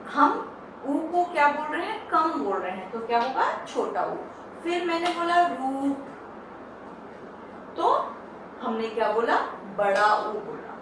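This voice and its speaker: A woman teaching a Hindi lesson to children, explaining slowly and patiently and asking the class questions. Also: high-pitched, distant mic. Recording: echoey room, off-mic, faint hiss.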